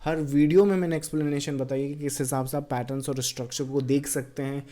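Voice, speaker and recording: Hindi-English trading teacher, mellow voice. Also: male voice, mid-range voice, steady tone, fast. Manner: explains mixing Hindi and English, counts waves aloud; blunt, challenging doubters. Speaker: trading educator. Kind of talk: chart walkthrough lesson.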